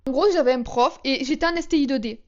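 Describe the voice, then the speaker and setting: Young girl w/ doing a storytime vlog, high voice, kinda dull lo-fi sound, slangy and dramatic. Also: quick pace, a little mellow. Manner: chatty, slangy, dramatic retelling. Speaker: vlogger.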